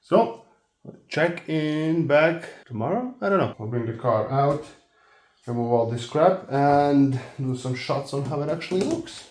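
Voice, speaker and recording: A man talking casually through a do-it-yourself car job. He is hesitant and self-deprecating and thinks aloud as he goes. The audio is a low-quality phone recording made without a microphone. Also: animated, measured pace, darkish tone. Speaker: car vlogger. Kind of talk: casual DIY walkthrough. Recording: echoey, noisy phone recording.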